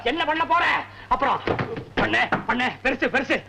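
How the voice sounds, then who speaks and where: A man's voice: very high-pitched, moderate pace, gravelly, background noise. An actor playing a meddling village neighbor man who coaxes and pleads, in 1970s film acting. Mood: coaxing. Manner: coaxing, pleading.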